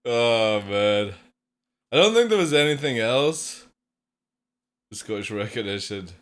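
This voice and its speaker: Amused male streamer, slow talk. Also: mid-range voice, expressive, fairly bright tone, clear, resonant tone. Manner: amused, laughing along. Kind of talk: stream reaction.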